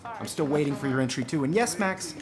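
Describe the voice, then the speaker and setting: A man voicing a smooth, charming photography teacher. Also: a little high, animated, brisk, a crowd in the background, natural voice. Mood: encouraging. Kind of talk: game voice acting.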